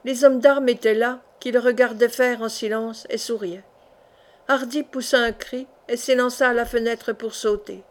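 A woman narrating a classic adventure novel in a measured, expressive audiobook reading. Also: on the high side. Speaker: audiobook reader.

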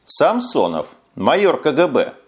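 Man voicing young male duty officer, raised pitch, nervous, apologetic, audiobook. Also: huge pitch swings, a little slow.

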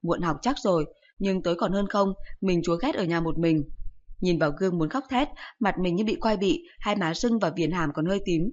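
A woman narrating a first-person comic story in a lively, self-pitying storytelling manner. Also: fairly low pitch, fairly quick, highs cut off.

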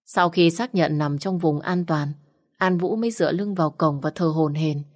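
Lady telling a story, chatty, lowish voice. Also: normal speed. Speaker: narrator. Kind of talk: storytelling narration.

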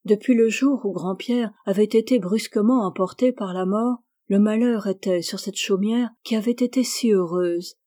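A woman narrating a scripted storybook tale in a measured, gentle manner. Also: medium pitch.

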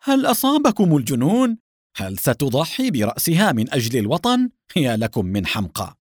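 A man's voice: lowish voice, fairly quick, husky, no room sound, studio quality. A man voicing a gloating, treacherous male enemy agent who laughs devilishly and taunts with sarcasm. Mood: shocked.

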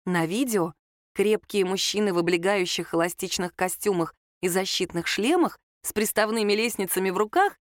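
A woman narrating an audiobook in a steady, even storytelling manner. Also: medium pitch, normal speed, no room sound, clean studio sound. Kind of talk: scripted narration.

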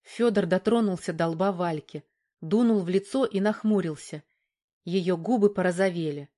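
A woman reading an audiobook in a measured, even narration. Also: fairly low pitch. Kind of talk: scripted narration.

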